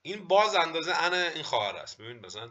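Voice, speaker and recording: Casting young male reaction host, mocking, lively pitch, bright voice. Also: lo-fi sound. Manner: mocking, joking. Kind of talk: casual reaction commentary.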